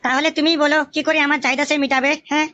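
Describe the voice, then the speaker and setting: Bright high wheedling mother-in-law a woman voicing her, cartoon dub, talks super fast. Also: level tone, highs cut off. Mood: flirtatious. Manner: rapid, wheedling. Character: coaxing, flirtatious mother-in-law, around thirty.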